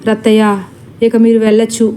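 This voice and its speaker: A woman voicing a grave landlord son who gives short, calm orders. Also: a little high, a little fast, a little hiss or hum, lightly acted. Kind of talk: storybook acting.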